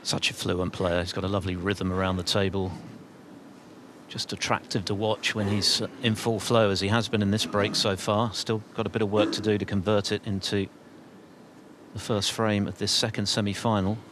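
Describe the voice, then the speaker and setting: A man giving hushed, measured, polished live snooker commentary as the lead broadcaster. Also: fairly low pitch, little pitch movement, slight background noise.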